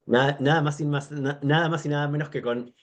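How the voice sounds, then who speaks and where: A man's voice: fairly high pitch, fairly even intonation, brisk. A man in his forties with an Argentine accent, a guest scholar in a podcast interview, talking at length with many fillers, restarts and digressions. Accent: Argentine Spanish. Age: 40s.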